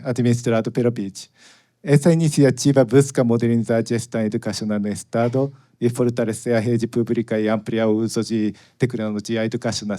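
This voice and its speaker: A man from Japan, a native Japanese speaker with a Japanese accent, giving a formal, halting speech from notes as a guest diplomat. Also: mid-range voice, warm tone. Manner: formal, halting, frequent "né" tags.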